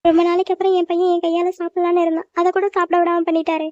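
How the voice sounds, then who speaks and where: A woman's voice: extremely high pitch, level tone, fast talker, mellow, dry recording, dull audio. A woman voicing a worried, tearful mother in a cartoon, pleading with her family.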